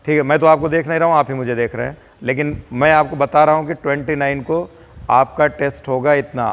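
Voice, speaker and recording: A man teaches physics to students on camera. He urges and scolds them to study hard, in a slightly high, gravelly voice. The recording has a long, echoing reverb. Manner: urging, scolding and advising students. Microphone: camera mic.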